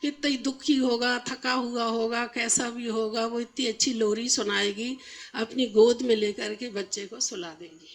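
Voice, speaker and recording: A woman's voice: fairly high pitch, fairly even intonation, moderate pace. A woman spiritual teacher giving a talk to a live audience, often putting rhetorical questions to them. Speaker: Brahma Kumaris spiritual teacher.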